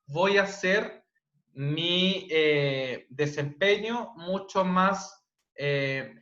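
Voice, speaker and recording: A loud, bright, forceful Chilean man lectures students over a video call, punctuating his points with constant tag questions. His slightly high voice sounds roomy and dull, as if the mic sits in a bare room. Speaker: teacher. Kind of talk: online class lecture. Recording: dull, roomy online-class audio.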